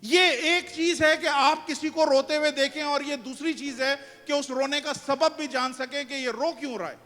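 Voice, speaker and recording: A man's voice: very high-pitched, fairly even intonation, normal speed, bright, forceful tone. A male pastor preaching a sermon to his congregation, asking it questions and driving his points home. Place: church hall. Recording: church hall reverb with music behind.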